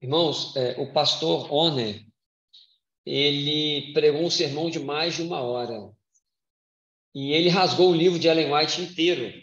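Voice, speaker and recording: A man giving a church lecture on music, reading scripture and explaining in a measured way with hesitant fillers. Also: fairly high pitch, fairly bright tone, echoey room, highs cut off.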